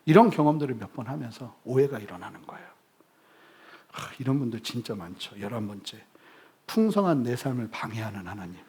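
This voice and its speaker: A male pastor giving a sermon, telling humorous stories with sudden loud bursts. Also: medium pitch, very animated, a little fast.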